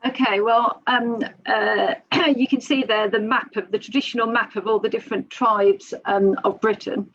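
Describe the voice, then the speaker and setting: A woman's voice: on the high side, steady tone, moderate pace, hardly any pauses, a bit bright, no room sound, lo-fi sound. A woman archaeologist on a panel, explaining findings thoughtfully with frequent ums and restarts over a video call.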